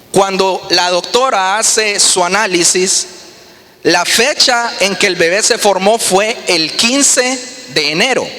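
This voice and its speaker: A man's voice: high-pitched, bright, forceful tone. A man telling his personal faith testimony earnestly, often restarting his words. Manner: earnest storytelling with frequent restarts. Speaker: testimony speaker. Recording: reverberant hall.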